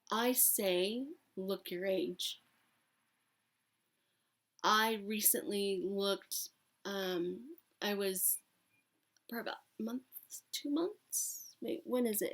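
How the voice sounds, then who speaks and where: A woman in her late thirties talks casually, as if to a camera. Her mid-pitched voice carries a smoker's rasp. She takes her time, wandering off on tangents and speaking frankly with firm emphasis. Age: late thirties, almost forty. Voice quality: raspy, like a longtime smoker's rasp. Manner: candid, digressive, emphatic. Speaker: vlogger talking to camera. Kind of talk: casual rambling chat.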